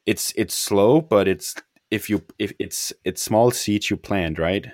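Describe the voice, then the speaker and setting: Man, low-pitched, tired, halting, casual conversation, thinking aloud, dry sound. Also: darkish tone, no echo. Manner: hesitant, halting, trailing off. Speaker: software founder on a podcast.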